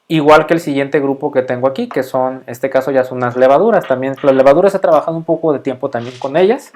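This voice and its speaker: A man's voice: mid-range voice, a little mellow. A middle-aged Mexican man with a Mexican Spanish accent, giving a casual microbiology lecture full of fillers and frequent check-ins with his students.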